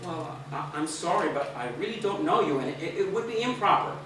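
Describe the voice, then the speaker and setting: Prim flustered young lady voiced by a man, higher voice, echoey room heard from far off. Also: animated, a little fast, background noise. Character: shy, proper young woman, flustered.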